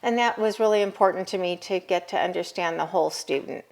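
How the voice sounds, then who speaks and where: A woman's voice: on the low side, quick pace, creaky. A woman college counselor and business owner, answering interview questions in an explanatory way.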